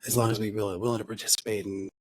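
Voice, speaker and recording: Rambling low-voiced podcast co-host man. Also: little pitch movement, very fast, rough recording. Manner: rambling, restarts often, acts out quotes. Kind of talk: casual chat.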